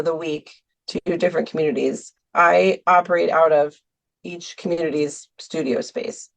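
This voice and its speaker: Talking about teaching art in a casual podcast interview from Milwaukee, US, this woman has a gravelly voice on the low side. She hesitates a lot, with many ums and small laughs.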